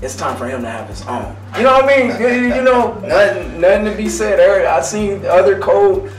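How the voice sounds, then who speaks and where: A man's voice: sits high, animated, fairly quick. A man in his thirties interviewing a barber in a hyped, slangy way, often saying "you know what I mean". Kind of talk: casual interview. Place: small room indoors. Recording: roomy, distant mic, faint music.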